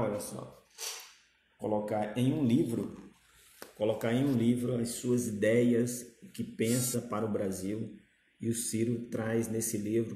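Gesturing as he talks, a middle-aged man with a Brazilian Portuguese accent gives earnest, repetitive opinion commentary into a phone camera at arm's length in a small indoor room. His voice is lowish and dark. The recording is reverberant, with a little hiss or hum.

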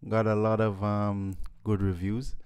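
Speaking unhurriedly with a fairly low, clean, slightly mellow voice that barely shifts in pitch, a young musician from Jamaica relaxes into a podcast interview. His Jamaican accent comes through as he keeps saying "you know," recorded on a boom-arm studio mic in a living room decorated with mirrors on the wall.

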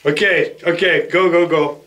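A man's voice: fairly high pitch, steady tone, a little slow, sharp tone, low-quality recording. A man hosting a casual studio visit, joking loosely and swearing now and then. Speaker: video host. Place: recording studio.

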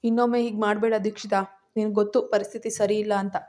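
A woman's voice: medium pitch, flat delivery, fast, warm tone, lightly acted. A woman voicing an angry, possessive young husband in a storybook reading, curt and scolding. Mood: demanding.

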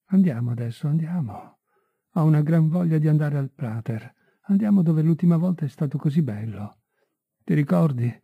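A man voicing a pale, distracted young man who speaks in halting bursts, on a tinny, dry recording. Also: fairly high pitch, lively intonation, gravelly, husky, dry recording, heavily acted. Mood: distracted, tense.

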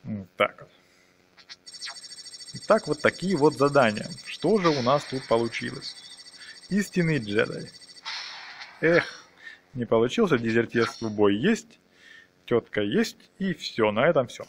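With lively intonation at a measured pace, a man leads viewers through a game, peppering his casual talk with slang and diminutives. His voice is mid-range, he takes long pauses, and slight background noise is audible.

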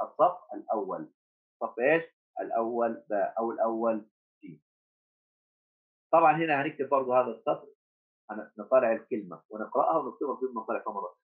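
An encouraging male teacher, drilling young pupils through reading and spelling. He stretches words out slowly and keeps asking the class questions. His voice sits at a middle pitch and comes through thin and tinny, like a phone line. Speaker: primary school teacher. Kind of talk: online Arabic lesson for first graders.

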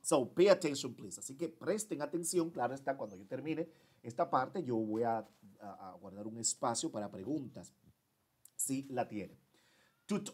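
A man teaching English in an online class, repeating each phrase in English and Spanish and drilling forms slowly. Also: medium pitch, husky. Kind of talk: online class, bilingual explanation.

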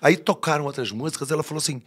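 A man's voice: fairly high pitch, racing, husky. A man, a guest on a podcast, telling stories in casual chat and acting out the people he quotes. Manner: animated storyteller who acts out the people he quotes. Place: podcast studio.

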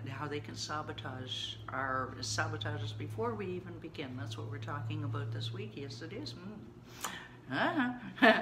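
A woman's voice: low voice, background noise. A woman giving casual, chatty tough-love coaching to her viewers, with frequent asides and laughs. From Canada. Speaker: vlogger and coach. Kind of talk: casual talk to camera.

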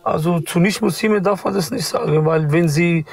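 A man calling into a live debate, calm and measured. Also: a little high, breathy edge.

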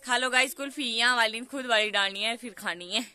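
A young adult woman from Himachal Pradesh, India, with a Pahari accent, vlogs on a hillside using a phone camera at arm's length. Her high-ish voice is fairly quick, bright and forceful, and she's chatty, giggly and teasing, talking straight to viewers in a casual vlog.

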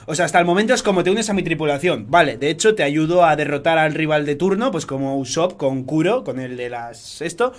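Excitable young man, swearing. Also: fairly high pitch, a little fast, few pauses. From Spain. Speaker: channel host. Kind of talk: casual chat.

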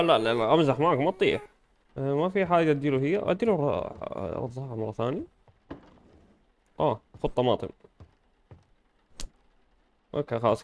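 Man, gaming host, casual play-by-play, jokey with sudden loud outbursts. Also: mid-range voice. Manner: playful, joking, bursts of loud exclamation. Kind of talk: casual gameplay commentary.

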